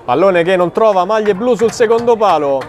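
A man giving live football commentary with breathless, excited goal calls. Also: normal speed. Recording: crowd noise, outdoor pitch. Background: crowd at a small outdoor football ground.

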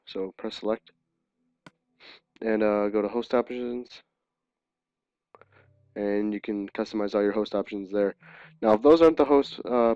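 A man's voice: fairly low pitch, warm tone, clean tone, no room sound. A man giving a casual, informal voice-over tutorial as host of a gaming video. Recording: slightly dull, dry, music underneath.

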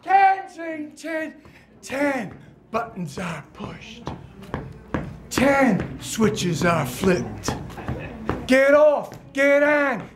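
An older man, a performance poet, chanting and leading a crowd in call-and-response in a gallery room, recorded by a far camera. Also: extremely high pitch. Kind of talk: interactive spoken-word performance. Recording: echoey room, crowd noise.

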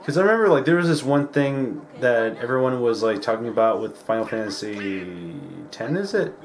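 A man's voice: medium pitch, lively intonation, normal speed. A man hosting a let's play, talking casually over gameplay with lots of filler words. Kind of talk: casual game commentary. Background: game music.

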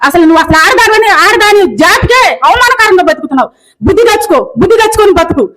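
A woman's voice: extremely high pitch, lively intonation, very fast, a bit bright, slight background noise, poor audio. A woman ranting angrily in a scolding, repetitive way. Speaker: video commenter. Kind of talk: angry rant.

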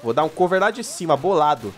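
A man with a Brazilian Portuguese accent hosting a let's play, joking and yelling during firefights and haltingly reading mission text aloud. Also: fairly high pitch, expressive, very noisy. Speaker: gaming channel host.

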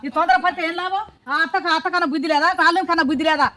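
Fast-scolding high-voiced woman. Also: steady tone, a crowd in the background. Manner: scolding, rapid-fire nagging. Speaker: comic actress playing a mother-in-law and villagers. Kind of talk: village comedy sketch acting.

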